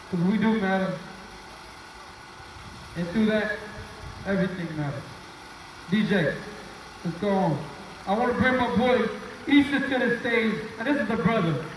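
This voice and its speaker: A man's voice: high-pitched, moderate pace, pauses often, a little hiss or hum. A man emceeing a night rally on a mic in an outdoor plaza, speaking earnestly and repeating his key phrases. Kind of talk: speech to a crowd at a rally. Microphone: handheld mic through speakers, filmed from afar. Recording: echoey outdoor PA, far phone camera.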